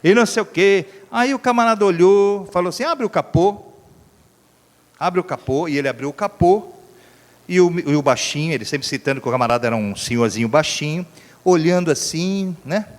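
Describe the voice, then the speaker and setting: A man's voice: on the high side, brisk. A middle-aged Brazilian man, preaching a sermon as a pastor and acting out a story with voices and sound effects. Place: church hall. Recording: church hall reverb.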